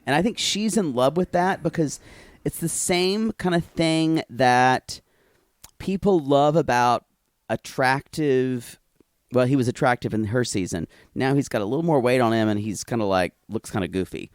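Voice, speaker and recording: A man co-hosting a casual podcast recap, giggly and campy, full of quick asides. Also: mid-range voice, no room sound, clean studio sound. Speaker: podcast co-host.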